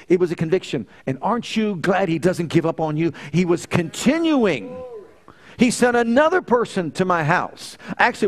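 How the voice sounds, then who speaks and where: A middle-aged man preaching a sermon, emphatic, repeating phrases in threes and telling personal stories. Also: high voice. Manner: tells personal stories with quoted dialogue.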